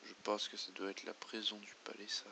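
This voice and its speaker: A man's voice: fairly low pitch, little pitch movement, a little fast, gravelly, background noise. A man doing let's play commentary, muttering to himself and reading game menus aloud. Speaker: gamer.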